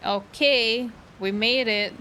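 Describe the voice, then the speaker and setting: Speaking slowly in a slightly high voice, a woman chats casually during a live game stream, reacting to what happens and answering viewers in a chatty manner. Soft game music and slight background noise can be heard.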